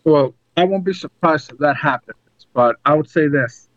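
A man co-hosting a podcast, chatting casually about sports, halting and restarting his sentences often. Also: a little high, no room sound, highs cut off. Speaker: podcast co-host.

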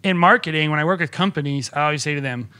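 Upbeat male podcast guest, bright and slightly high voice, rambling and eager. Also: rapid-fire. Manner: enthusiastic, rambling with many restarts. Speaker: podcast guest, wedding filmmaker. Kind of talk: casual podcast conversation.

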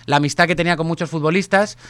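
Clear, higher-voiced Spanish male host. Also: very fast, a bit bright, no room sound. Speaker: sports show host. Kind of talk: conversational sports commentary.

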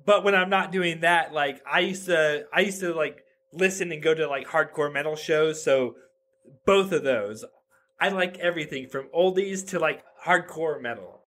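A man in his thirties chatting as a podcast guest over a video call. His voice sits a touch high, and he rambles in a loose, easygoing way, peppering his talk with "like" and "right?". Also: moderate pace, a bit bright, a little hiss or hum. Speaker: podcast guest, web developer. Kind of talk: casual interview chat.

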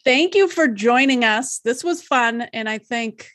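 Higher-pitched woman hosting a podcast. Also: measured pace, a bit bright, dry recording, clean studio sound. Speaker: podcast co-host. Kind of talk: casual podcast chat.

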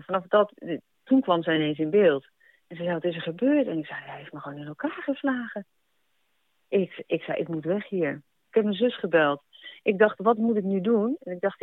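A woman giving a personal account in a reflective, halting way. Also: fairly low pitch, dry recording. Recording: narrow radio-broadcast sound, faint music.

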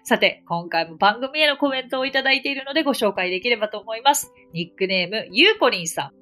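A woman's voice: on the high side, animated, fast, sharp tone, soft background music. A woman from Japan hosting an English-learning podcast, explaining phrases in a chatty, encouraging way with everyday examples. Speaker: English teacher and podcast host.

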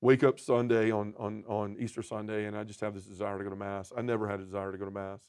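A man telling his personal testimony as a podcast guest, earnest and emotional, often dropping to a soft, quiet voice. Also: lowish voice, flat delivery, fast talker, clear, resonant tone.

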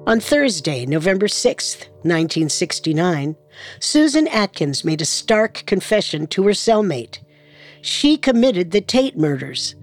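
Female true crime narrator, lowish voice. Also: big pitch swings, soft background music. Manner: measured, dramatic. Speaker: podcast co-narrator.

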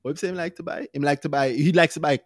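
This podcast co-host, a Jamaican man reviewing stocks, races through a casual, unscripted financial chat, hesitating and repeating himself. His voice is a little high, and the clean studio recording has no echo.

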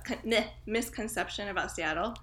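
A woman's voice: mid-range voice, normal speed, fairly bright tone. A woman in her twenties from Hawaii, a podcast guest chatting casually and laughing often, with plenty of fillers. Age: 20s. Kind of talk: casual chat.

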